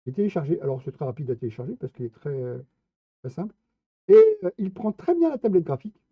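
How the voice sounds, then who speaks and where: A man's voice: on the high side, huge pitch swings, quick pace, breathy edge, dry recording. A man giving casual gameplay commentary, chatty and playful, talking straight to his viewers. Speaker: streamer. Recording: tinny phone-like, dry sound.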